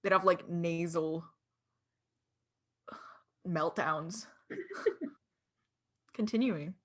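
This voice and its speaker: A woman's voice: on the low side, drawn-out words. A young woman hosting an online trivia game on a video call, chatty and giggly, with lots of filler words. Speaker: webinar host. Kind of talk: casual chat running online trivia.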